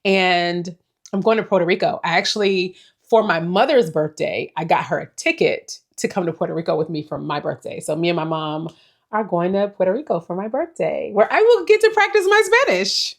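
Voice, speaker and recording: A woman vlogger in her forties, her voice fairly low and expressive, talks at a moderate pace. Addressing her viewers directly, she rambles reflectively through a casual update on her life, laughing softly now and then.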